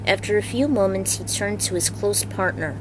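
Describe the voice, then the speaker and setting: Against a noisy background, a woman with a medium-pitched voice reads aloud from her own fan fiction series, which she also hosts. Her delivery is casual, informal and unpolished at a moderate pace, and she swears freely.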